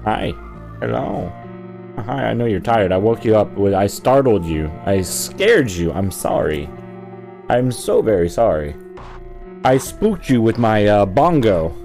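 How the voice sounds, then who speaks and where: Animated low-voiced male streamer. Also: measured pace, creaky, soft background music. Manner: animated, jokey, talks to pets and chat. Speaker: streamer and voice actor. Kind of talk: casual livestream chat. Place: at home, indoors.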